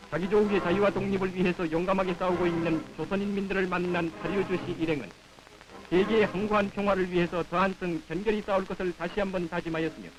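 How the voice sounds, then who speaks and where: A man's voice: sits high, poor audio. A man with a North Korean accent reading scripted 1950s propaganda newsreel narration in a solemn, declamatory manner on an old film soundtrack.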